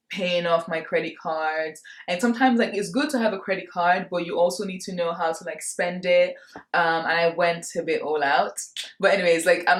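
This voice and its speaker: Giggly woman in a roomy space. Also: fairly low pitch. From Nigeria. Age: 20s. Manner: chatty and giggly, laughs between answers. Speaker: vlogger. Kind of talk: casual Q&A chat to camera. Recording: roomy echo.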